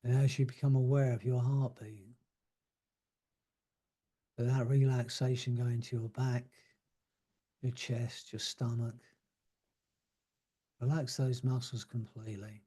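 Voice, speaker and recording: Male hypnotist, guided relaxation, husky dark voice, slow soothing delivery. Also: mid-range voice, flat delivery. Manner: slow, soothing, drawn-out phrasing with soft trailing words.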